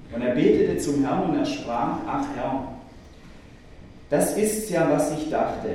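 A man preaching a sermon in a big echoing church hall, heard from some distance away from the mic. His voice sits a little high but sounds mellow and warm. He tells the story earnestly, with emphatic rises. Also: a little hiss or hum.

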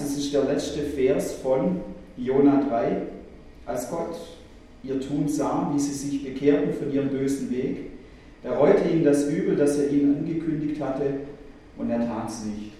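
A man preaching a sermon in a big echoing church hall, heard from some distance away from the mic. His voice sits a little high but sounds mellow and warm. He tells the story earnestly, with emphatic rises. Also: slight background noise.

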